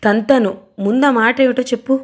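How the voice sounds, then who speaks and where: Brief: sulky, insistent young husband in an audio novel, pitched high and unlowered, read by a woman. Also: steady tone, normal speed, natural voice. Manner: pleading, insistent demands.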